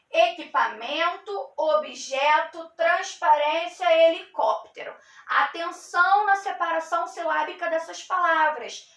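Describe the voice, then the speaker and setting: Woman, teacher, bright voice, echoey room. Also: very high voice. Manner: slow, clearly paced, stretching out syllables; asks questions, then answers them. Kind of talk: school review lesson for children.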